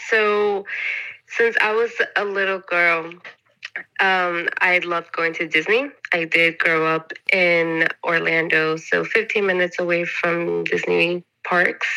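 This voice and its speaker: A woman, a podcast guest, talking late at night, unhurried and tired, filling pauses with ums and laughing lightly. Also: lowish voice, gravelly, pushed and bright, rough recording. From United States. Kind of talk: casual interview.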